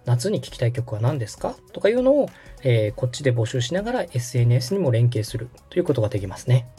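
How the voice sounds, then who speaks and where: This podcast host and radio director, a courteous instructor, talks fast through an app tutorial one step at a time with faint music behind him. His voice sits at medium pitch with big swings, a dark tone and a breathy edge.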